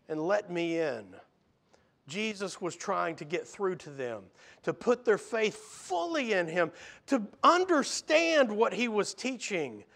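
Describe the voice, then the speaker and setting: A man's voice: high-pitched, creaky, fairly bright tone. A man preaching a sermon as pastor, earnest, with frequent restarts, pushing into strong emphasis. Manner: earnest, rising to exasperated emphasis when voicing Jesus.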